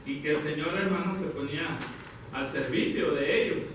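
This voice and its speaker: A man preaching a sermon, talking warmly to the congregation as brothers and sisters, pausing and correcting himself as he goes. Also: a little high, a little hiss or hum. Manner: addresses listeners as brothers, halting with self-corrections. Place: church hall. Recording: very echoey hall, from far off.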